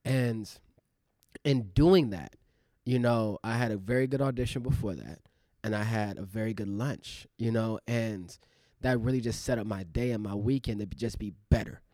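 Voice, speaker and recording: A man in his thirties, an actor who co-hosts a podcast, rambles loosely with plenty of fillers in a casual, reflective chat. His voice is on the low side and warm, at a moderate pace, recorded with studio quality and no room sound.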